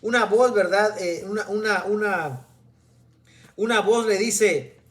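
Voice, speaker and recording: A preacher mid-sermon who reads scripture aloud and then breaks it down for the congregation. The voice sits at an ordinary middle pitch, neither high nor low. The speaker keeps turning to the listeners with a questioning "¿verdad?". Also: slow pace. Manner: often asks the listeners "¿verdad?". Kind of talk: sermon with Bible reading.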